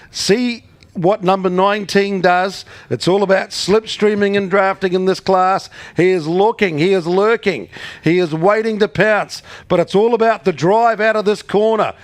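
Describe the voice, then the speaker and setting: A man's voice: high voice, dry recording. A man with a New Zealand accent calling a motor race live as a race caller, building suspense in short punchy phrases and questions.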